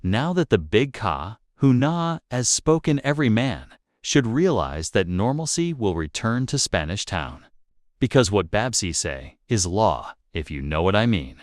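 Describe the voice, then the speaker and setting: Wry low-voiced man narrating gossip. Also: big pitch swings, unhurried, no echo, studio quality. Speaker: gossip show host.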